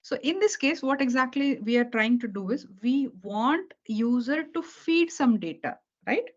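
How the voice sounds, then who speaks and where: Speaking at a measured pace in a high, expressive voice, a woman walks beginners through a programming lesson on a video call. She goes over key points repeatedly and patiently checks in with "okay" and "right" after nearly every sentence, all on dull lo-fi call audio.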